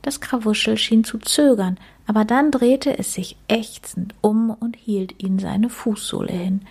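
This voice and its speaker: Woman narrator for a children's story, slow pace, husky voice. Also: medium pitch, a little mellow.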